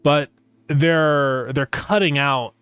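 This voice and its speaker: A man's voice: on the high side, steady tone, slow pace, a bit bright, clean tone, no room sound. A man chatting casually as a game developer livestreamer, rambling as he thinks aloud, his speech slightly slurred by retainers. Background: music.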